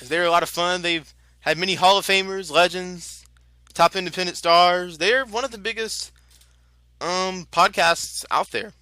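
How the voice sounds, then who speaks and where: A male lucha libre announcer with a high-pitched, sharply bright voice, recorded close and dry. He mixes wrestling play-by-play with promotional plugs. His delivery is chatty and informal, given to exclamation. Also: steady tone, measured pace, dry recording.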